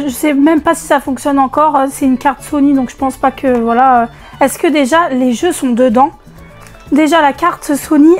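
A woman unboxing video games in a casual vlog, excitable and chatty, with a strained voice she tries not to push. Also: sits high. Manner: excitable, chatty, many fillers. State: strained voice, holding back from shouting. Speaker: vlogger.

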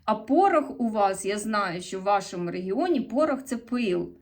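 In a casual vlog to camera, a woman from eastern Ukraine with a Sumy regional accent rambles and corrects herself. Her mid-range voice is animated and darkish, at a moderate pace. Answering comments, she comes across earnest and a little defensive.

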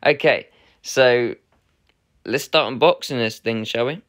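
A man hosts his own unboxing video for a film collector's edition, talking casually and rambling with many hesitations and self-corrections. His mid-range voice is a bit bright and his pace measured.

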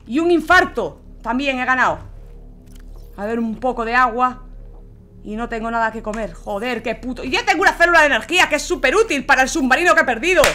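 A woman's voice: sits high, expressive, brisk, bright, forceful tone, faint music behind. A young woman with a Spanish accent from Spain playing a horror game on stream, frightened, swearing and shrieking as she comments. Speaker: gaming youtuber. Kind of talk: let's play commentary.

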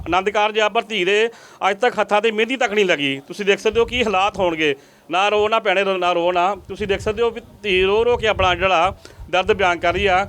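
A man's voice: sits high, fairly bright tone. A male field reporter making repetitive, pleading appeals to viewers during a charity interview in a family's rented home.

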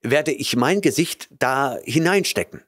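Lovesick young man voiced by a male narrator, agitated and pleading, lively pitch. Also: unhurried, no room sound, studio quality. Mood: eager. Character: desperate young man in love.

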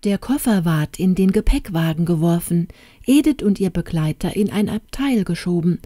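A woman narrating a Christmas story in a calm, measured storytelling voice. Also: lowish voice, no echo, studio quality. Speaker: audiobook narrator. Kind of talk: scripted narration.

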